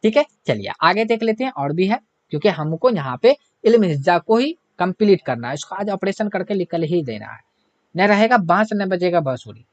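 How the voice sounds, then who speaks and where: A man's voice: high-pitched, sing-song, normal speed, dry recording, highs cut off. A man teaching an online grammar lesson, asking the class questions and answering them himself, with a repeated "hai na". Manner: repetitive, keeps adding "hai na".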